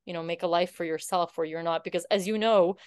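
A woman's voice: fairly low pitch, steady tone, fast talker, a little mellow, clean tone, no echo. A woman guest in her thirties telling her story in a casual interview, earnest and heartfelt, with many fillers. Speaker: podcast guest.

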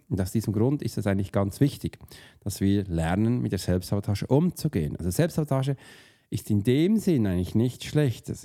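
A mellow, fairly low-voiced man teaches about self-sabotage as a profiling coach in a motivational monologue. Addressing the listener directly and informally, he uses casual rhetorical questions and often breaks off to restart words mid-sentence, sometimes mid-word.

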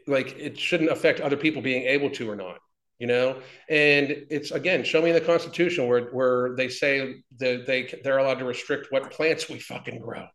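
Bright-ish and medium in pitch, this man in his fifties owns a fitness business and is a guest in a casual interview. His talk is blunt, heavy with swearing, and rambling, often restarting mid-thought, all in an echoey room.

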